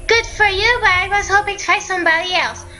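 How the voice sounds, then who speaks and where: A woman's voice: very high voice, quick pace, bright, forceful tone, pitched above the performer's own voice. A woman voicing a young girl in a video game who is searching for her lost cat, speaking earnestly.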